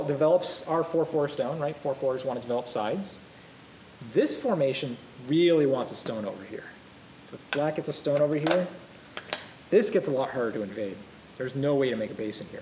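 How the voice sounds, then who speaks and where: A man lectures a room of students, his voice a touch higher than most men's. He is lively and keeps firing questions at the class. A faint hum sits under the recording. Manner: energetic, asks the class questions. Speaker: go teacher.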